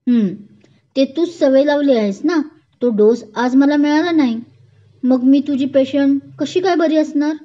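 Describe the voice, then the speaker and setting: A woman voicing a playful young woman who coaxes and teases in a childlike way. The voice is high and mellow, and the recording sounds muffled and lo-fi. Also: animated, a little slow. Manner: coaxing, teasing, childlike. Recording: dull lo-fi recording.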